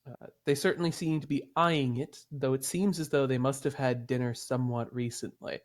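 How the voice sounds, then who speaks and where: A man running a tabletop role-playing game over voice chat. He describes scenes at a measured pace, with many small "uh" pauses as he searches for words. His pitch sits in a typical middle range. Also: fairly even intonation. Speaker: game master.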